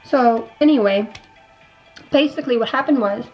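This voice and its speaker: Speaking at a normal speed in a slightly high voice, a young woman shares a casual, meandering life update while doing makeup. She seems sick, with a sore throat and a mildly congested, nasal tone, and keeps repeating and restarting thoughts. The recording is muffled, and soft music plays behind her.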